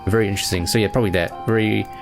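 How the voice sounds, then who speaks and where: A man's voice: lowish voice, steady tone, rapid-fire, vocal fry. A young man chatting casually as he answers fan questions, easygoing and rambling with plenty of fillers. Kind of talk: casual chat. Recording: music playing behind.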